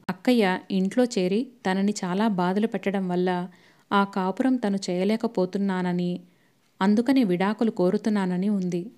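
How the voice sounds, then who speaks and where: A woman narrating a novel as an audiobook, reading in a steady, even storytelling manner. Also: mid-range voice.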